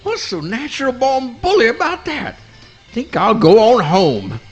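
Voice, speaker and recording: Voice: medium pitch, sing-song, unhurried, husky, dull audio, faint music behind. An actor voicing a mild-mannered male possum in folksy swamp dialect with mangled grammar, in a live radio play. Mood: exasperated.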